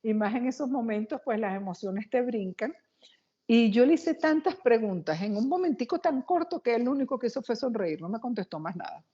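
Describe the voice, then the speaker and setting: A woman being interviewed as a guest, telling a personal story in an animated, quick, excitable way. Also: a little high, husky, highs cut off.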